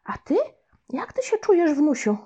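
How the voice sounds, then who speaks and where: A woman's voice: high voice, very animated, normal speed, warm tone, pitched above the performer's own voice. A woman voicing an anxious, caring old grandmother on the phone in a storybook reading. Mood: worried. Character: worried, fussing old grandmother. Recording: dull lo-fi recording.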